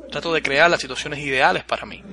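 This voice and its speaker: A man giving a blunt, forceful motivational speech to a live audience, asking rhetorical questions. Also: on the high side, quick pace. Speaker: motivational speaker. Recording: crowd audible behind.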